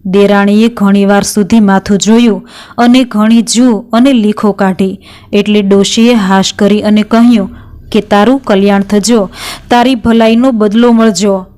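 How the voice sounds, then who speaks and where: A woman reads a devotional folk tale aloud with a smooth, clear voice. Her pitch sits at an ordinary middle height. She tells it in a steady, even storyteller's manner. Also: unhurried.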